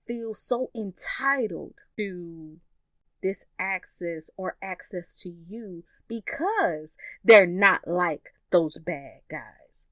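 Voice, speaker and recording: A woman with a fairly low voice hosts a solo podcast, speaking earnestly and emphatically yet in a relaxed, conversational way. The sound is dry and close, with no room tone or echo.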